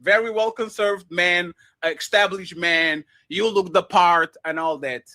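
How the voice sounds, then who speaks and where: A man's voice: sits high, measured pace, bright, forceful tone, dry recording, studio quality. A man in his thirties bantering on a live panel, teasing the others and laughing often. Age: 30s.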